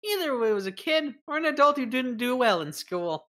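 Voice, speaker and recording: A woman's voice: high-pitched, big pitch swings, fairly quick, fairly bright tone. Playful teasing woman streamer. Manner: playful, teasing, swears casually. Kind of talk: casual gameplay banter.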